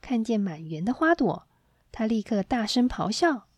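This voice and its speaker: A woman storyteller reading a children's story aloud in a gentle, expressive way, on a close mic. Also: on the high side, moderate pace, dry recording.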